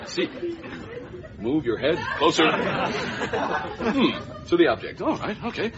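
A man's voice: a little high, sing-song, slow, over a noisy crowd. An actor playing a prim android man newly turned human, talking in a fussy, formal way as a robot faking human ways. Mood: puzzled. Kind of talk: sitcom acting. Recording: dull TV sound with audience laughter and noise.

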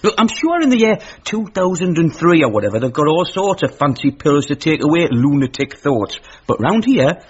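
A man's voice: on the high side, big pitch swings, moderate pace, hardly any pauses, slightly rough, dull audio. An actor playing a cheeky, gullible working valet in a radio comedy, blunt and bantering with his master. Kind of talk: radio comedy drama acting.

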